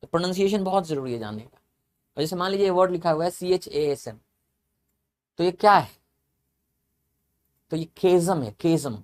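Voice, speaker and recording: A man's voice: high-pitched, moderate pace, long pauses. A man teaching English vocabulary in a lecture, explaining step by step, spelling words out letter by letter and repeating them. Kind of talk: classroom lecture.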